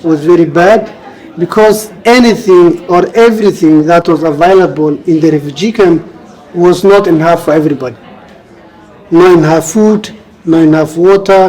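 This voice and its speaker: A man from Somalia who grew up in Kenya, an author and refugee advocate, answers interview questions in a Somali accent. He explains earnestly, repeating phrases for emphasis, in a high-pitched, darkish voice over poor audio.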